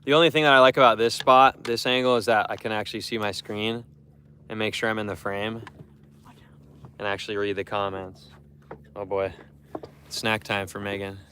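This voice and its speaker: A man's voice: on the low side, steady tone, moderate pace, pauses often, bright, forceful tone, slight background noise. A young man chatting casually to his live stream viewers while fishing from a boat on a lake, rambling and repeating himself. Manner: rambling, repeats words, talks to chat.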